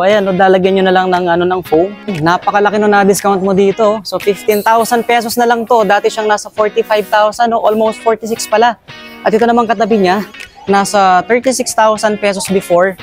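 A Filipino man with a Filipino accent, walking through a large indoor warehouse sale with a handheld phone camera, listing items and prices and often tagging sentences with a quick "no?". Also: sits high. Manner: lists items and prices with frequent "no?" tags. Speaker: vlogger touring a warehouse sale. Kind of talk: walk-through shopping vlog.

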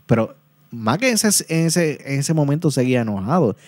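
A man's voice: mid-range voice, sing-song, moderate pace, a little mellow. A man, hosting a podcast and talking through a book review in an earnest, casual way, often repeating and restarting his words. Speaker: podcast host.

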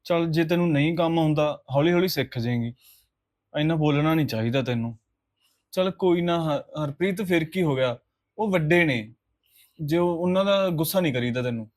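A man acting a young husband in a short drama film, calming his crying wife with repeated reassurances. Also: on the high side, moderate pace, lightly acted. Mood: placating. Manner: placating, coaxing, repeats reassurances. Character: young husband, soothing and placating.

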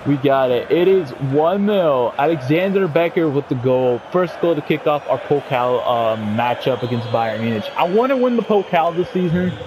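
A young man giving casual, chatty commentary over his football video game, bursting into excited shouts at goals. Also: a little high, moderate pace, hardly any pauses, background noise. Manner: excitable, shouts goal celebrations, chatty slang. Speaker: gaming YouTuber.

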